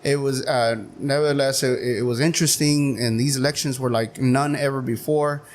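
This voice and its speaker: A man in his forties chatting as an interview guest. He talks frankly and openly, loose and unpolished, with a lot of fillers and restarts, at an ordinary pitch. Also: steady tone, normal speed. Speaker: podcast guest, city council member. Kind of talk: casual interview chat.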